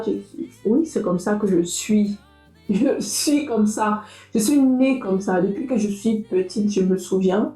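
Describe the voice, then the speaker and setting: A young adult woman vlogging casually, talking straight to her viewers in a lively, chatty way. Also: mid-range voice, reverberant, rough recording. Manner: lively, talks directly to viewers. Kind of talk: casual motivational vlog.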